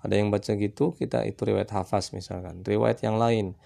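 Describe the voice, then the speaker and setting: A man teaching Quran recitation rules in a relaxed, chatty way, often adding "ya" and chanting verses slowly as examples. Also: on the low side, creaky. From Indonesia. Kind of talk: casual Islamic lesson.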